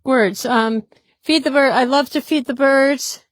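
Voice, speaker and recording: A woman's voice: high voice, a little slow, no echo, clean studio sound. A woman hosting a casual product demonstration in a fabric shop, chatty and upbeat, often repeating herself.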